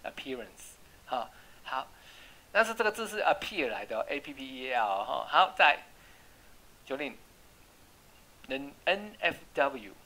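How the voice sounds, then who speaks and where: Patient tutor spelling out English words. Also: female voice, rumbling low, sing-song, unhurried, long pauses, sharp tone, low-quality recording. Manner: explains words patiently, spells out letters, drills repetition. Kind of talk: home English reading and spelling lesson.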